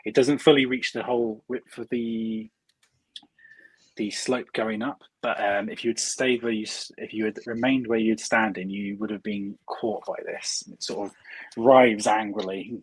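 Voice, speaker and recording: Hesitant low-voiced male dungeon master. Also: steady tone, a little slow, husky, no echo, low-quality recording. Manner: hesitant, many "um" and "sort of". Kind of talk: narrating a tabletop game.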